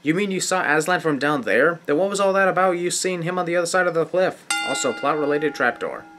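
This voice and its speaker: A man giving sarcastic scripted commentary, nitpicking with mocking, deadpan asides. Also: on the high side, a little fast. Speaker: host of a film nitpicking video. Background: film soundtrack music.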